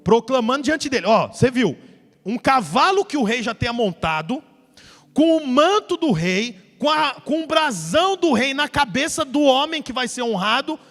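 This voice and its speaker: A male pastor preaching a sermon, telling a Bible story in a lively way and acting out the characters in a church. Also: very high-pitched, moderate pace. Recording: hall reverb with faint music.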